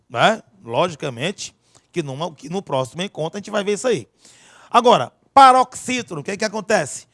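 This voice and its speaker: A male grammar teacher giving a recorded lesson, his voice high and swinging widely in pitch. He keeps checking in with his listeners as he explains. The sound is dry and close, with no room around it. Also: no room sound. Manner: lively, checks in constantly with listeners.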